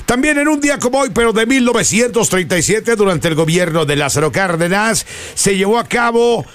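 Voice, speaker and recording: A man's voice: high voice, expressive, a little fast, a bit bright, no echo. A man with a Mexican accent hosting a morning radio show in a theatrical, sing-song, upbeat style.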